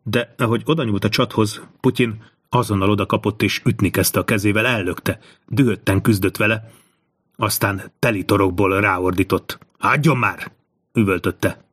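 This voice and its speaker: A man narrating a thriller audiobook in a slow, measured reading. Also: lowish voice, fairly even intonation, breathy edge.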